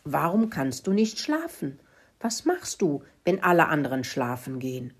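A woman voicing a wise, stern male tomcat in a children's story who lectures the others, husky voice. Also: low-pitched, big pitch swings, moderate pace, heavily acted. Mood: probing.

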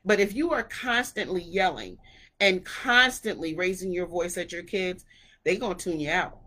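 A woman in her thirties talking casually about raising her children, in a relaxed storytelling way. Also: on the low side, normal speed. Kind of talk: casual parenting talk to camera.

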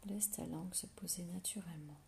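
Close to your ear, a woman leads a guided relaxation in a soft whisper, unhurried and soothing, leaving long pauses between instructions. Her lowish voice is creaky, and slight noise sits in the background.

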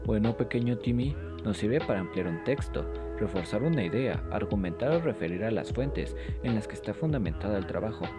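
A man's voice: on the low side, lively intonation, fairly quick, few pauses, over music. A man delivering scripted educational narration as an explainer, in a playfully formal, instructional manner.

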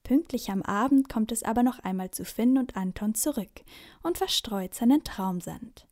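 A woman narrating a children's bedtime story in a clear storytelling manner. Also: on the high side, expressive, moderate pace, darkish tone.

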